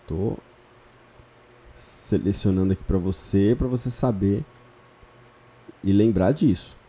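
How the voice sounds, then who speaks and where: A man teaches a lesson one small step at a time, repeating each point and checking that the listener follows. His voice is very dark and mellow, sitting at a middle pitch. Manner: patient, repeats key points with frequent check-ins. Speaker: Hebrew teacher. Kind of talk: online lesson, explaining step by step.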